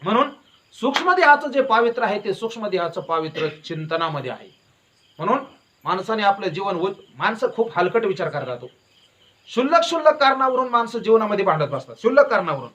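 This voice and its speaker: A man's voice: sits high, very animated, fast talker, fairly bright tone. A man giving a devotional sermon, emphatic and repetitive, with folksy storytelling. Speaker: devotional preacher.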